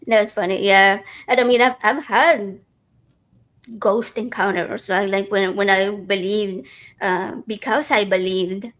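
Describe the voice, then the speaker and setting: A woman's voice: medium pitch, fairly even intonation, measured pace, a bit bright, low-quality recording. A woman in casual conversation, chatty, talking in loose sentences full of "like" and restarts. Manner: chatty, many likes and restarts.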